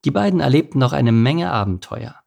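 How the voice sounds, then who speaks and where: A man reads a children's story aloud in a gentle, steady manner. His voice is gravelly and somewhat husky, at a middle pitch. The pace stays even as he narrates. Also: a little fast.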